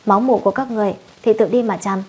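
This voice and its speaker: Woman reader as a shrill, scolding young wife; breathy storyteller voice. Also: fast talker, darkish tone, lightly acted. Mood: furious. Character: furious young village wife, sharp-tongued.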